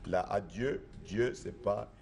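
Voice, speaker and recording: A middle-aged traditional spiritual master from the Republic of the Congo answers interview questions in a lowish, slightly mellow voice with vocal fry and a slow pace. He is assertive and insistent, repeating his points.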